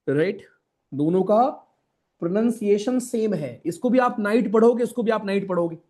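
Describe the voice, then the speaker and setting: A man's voice: sits high, a little mellow. A young man with a Hindi accent teaching an online class, chatty and informal, repeating key points and checking in with students. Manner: chatty, addresses students as brothers and friends; repeats key points, asks "right?" often.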